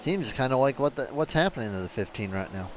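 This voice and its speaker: A man giving live race commentary in a chatty, excitable way that turns analytical. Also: medium pitch, fast, slight background noise. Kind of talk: live sim racing commentary.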